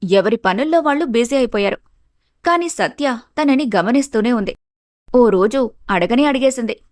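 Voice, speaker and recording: A woman narrating a family story in a steady, dramatic storytelling manner. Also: a little high, normal speed, no echo, studio quality.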